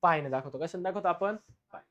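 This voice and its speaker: A male chemistry teacher with a Marathi accent, lecturing a classroom. He keeps asking the class questions and answering them himself, and dictates English definitions slowly. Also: a little high, highs cut off.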